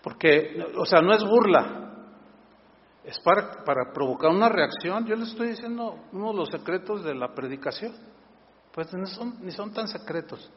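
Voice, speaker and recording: A Mexican pastor preaching an animated, sarcastic sermon to his congregation in a church hall. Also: high-pitched, moderate pace. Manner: animated and sarcastic, acts out scenes. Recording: dull recording with long church reverb.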